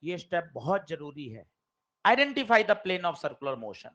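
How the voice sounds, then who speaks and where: A man teaching a physics class, lively and quizzing his students directly. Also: on the high side, slow pace. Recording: dull lo-fi classroom recording.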